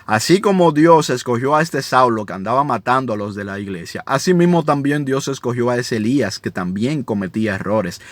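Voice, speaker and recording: A man leads a Bible lesson at a medium pitch, reading verses aloud and then explaining them in plain, conversational speech. He keeps turning to his listeners with small prompts. The recording is dry, with no room sound. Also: lively intonation, fairly quick, hardly any pauses, no room sound. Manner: conversational, checks in with listeners often. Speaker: Bible teacher. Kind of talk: Bible study teaching, reading scripture with commentary.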